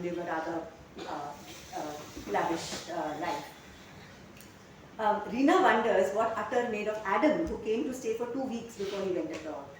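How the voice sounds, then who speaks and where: A woman's voice: mid-range voice, a little hiss or hum. A woman giving a university literature lecture, hesitant, with many fillers and restarts. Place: classroom. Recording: echoey room, far from the mic.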